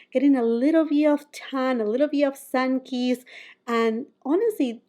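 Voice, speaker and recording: Chatty woman, slightly high voice. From Peru. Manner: chatty, laughs often, quotes herself in lively asides. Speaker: beauty vlogger. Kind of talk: casual chat to camera.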